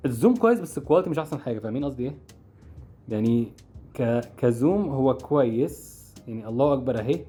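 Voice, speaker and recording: A man's voice: mid-range voice, expressive, warm tone, slightly rough, soft background music. A young man with an Egyptian Arabic accent, chatting casually while unboxing and reviewing cheap gadgets, joking and puzzling over what he finds. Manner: rapid, chatty, jokey and puzzled. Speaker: product-review vlogger.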